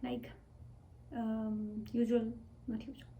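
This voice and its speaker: Slow, hesitant young woman vlogging. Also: fairly high pitch, completely flat delivery, dark tone, distant mic, rough recording. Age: 20s. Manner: slow, hesitant, many fillers and restarts. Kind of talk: casual talking-head vlog.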